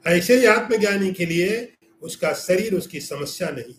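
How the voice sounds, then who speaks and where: A man with a fairly high voice gives a scriptural lecture as a spiritual teacher. He explains through everyday examples and keeps posing rhetorical questions. The recording has an echoey room and a faint background hum. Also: animated, moderate pace.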